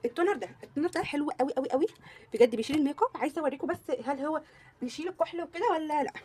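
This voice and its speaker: A woman's voice: high voice, racing, darkish tone. A young woman with an Egyptian Arabic accent, gushing through a casual beauty product review and repeating words for emphasis. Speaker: beauty vlogger.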